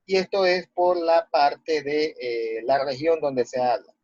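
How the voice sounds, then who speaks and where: An Ecuadorian high school language and literature teacher with a Latin American Spanish accent gives an online lesson, explaining and reading a text aloud in a didactic way and checking in with rhetorical questions. His husky, darkish voice sits at a middling pitch, with fairly even intonation and a slow pace. The recording is muffled and very dry, with no room sound.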